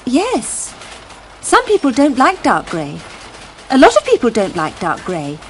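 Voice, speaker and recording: A woman's voice: a little high, wildly swooping pitch, extremely slow, a little hiss or hum, heavily acted. A woman acting in a scripted course dialogue, tactful and carefully polite.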